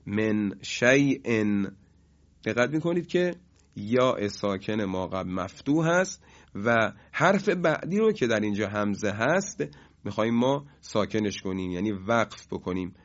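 A man teaching Quran recitation rules, explaining slowly and chanting each example word with drawn-out vowels. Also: lowish voice, animated. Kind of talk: lesson on tajwid rules. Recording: dull lo-fi recording.

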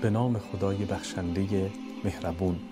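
A man teaching Quran recitation in a calm, instructional way, drilling syllables slowly one by one. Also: low-pitched, loud music behind the voice. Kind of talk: scripted lesson narration.

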